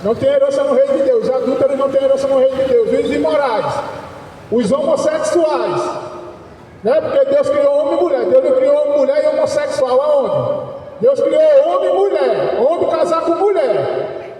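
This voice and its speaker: A man delivers a fiery street sermon in a very high, mellow voice at a moderate pace, shouting his points insistently and repeatedly checking in with a questioning "né?". The sound is distant and heavily echoey with a long reverb, faint ambience, and slight background noise behind him.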